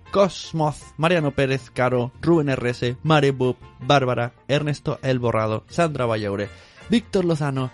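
A man's voice: medium pitch, darkish tone. Guy cohosting a podcast, jokey, rattles off names, faint music behind. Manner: jokey, rapid list-reading, bursts of laughter. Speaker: podcast co-host. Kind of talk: casual podcast banter.

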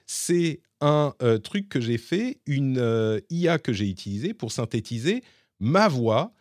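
A man's voice: mid-range voice, sing-song, unhurried, dry recording. Chatty male podcast host, dry sound. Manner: explaining and demonstrating tools live, chatty. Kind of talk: casual tech chat.

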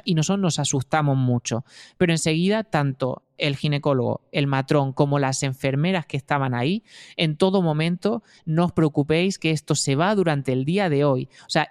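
Earnest Spanish man, smooth clear voice. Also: a little high, darkish tone, no room sound, clean studio sound. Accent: Spain Spanish. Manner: earnest, detailed, hesitant with fillers. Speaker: new father telling his birth story. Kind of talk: casual storytelling.

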